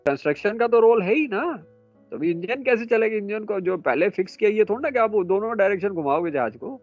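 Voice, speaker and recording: A man teaching a class on ships, quizzing and correcting his students in a brisk, scolding way. His voice sits a little high and sounds dry and close. The sound is dull and muffled, with faint music underneath. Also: lively intonation, no echo. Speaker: instructor. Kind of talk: classroom lecture.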